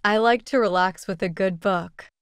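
A woman reading short English practice sentences aloud in an even, deliberate way. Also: medium pitch, smooth, no room sound, studio quality.

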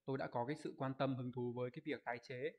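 A man leads an online Japanese exam review, explaining each answer step by step. He keeps checking in with his students through rhetorical questions. His voice sits at a middle pitch, and he rattles off the viewers' answers in quick lists. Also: steady tone, lo-fi sound. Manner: reads out viewers' comment answers in a quick list. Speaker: Japanese language teacher.

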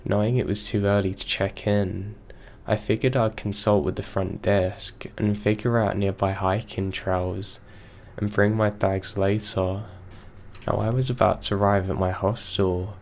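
Reading a horror tale told in the first person, this man keeps a slow, steady pace. He sounds unwell, and his lowish voice, marked by vocal fry, is noticeably affected.

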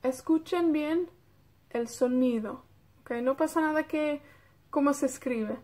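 A woman's voice: high-pitched, takes it slowly, dark tone. A woman from Wales with a North Welsh accent, teaching a beginner Welsh lesson in Spanish, patiently checking in with her students and drilling words.

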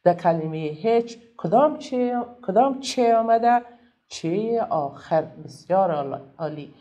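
A young woman teacher speaking with an Afghan Dari accent, running a literacy class where she asks questions, answers and praises them herself, and draws letter sounds out slowly. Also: mid-range voice, expressive, mellow, highs cut off.

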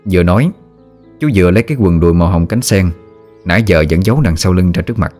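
A man narrating a ghost story in a calm, measured way. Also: low-pitched, soft background music.

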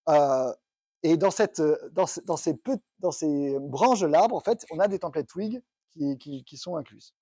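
A man's voice: a little high, measured pace, warm tone, breathy edge, no echo. A man giving a technical conference talk, explaining step by step and thinking aloud with restarts. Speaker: conference speaker. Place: conference room.

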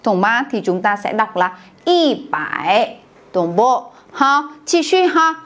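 A woman with a fairly high voice leads a beginners' language lesson. She checks in with the class through frequent questions and has them say each word back to her. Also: very animated, takes it slowly, a bit bright. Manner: calls on the class to repeat aloud, checks with questions. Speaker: Chinese teacher.

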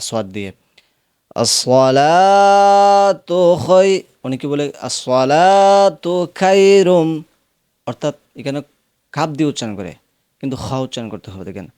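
A man with a Bangladeshi accent teaching how to pronounce the call to prayer, explaining the rules plainly and then chanting long, drawn-out phrases as examples. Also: medium pitch, darkish tone, dry recording, studio quality. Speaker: azan teacher. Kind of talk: instructional teaching with sung demonstrations.

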